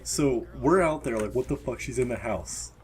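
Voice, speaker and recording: A young man in his late teens telling a story in casual chat, swearing freely and dropping to a flat low voice when he quotes himself. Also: normal speed. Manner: profane, rambling, quotes people in a flat low voice.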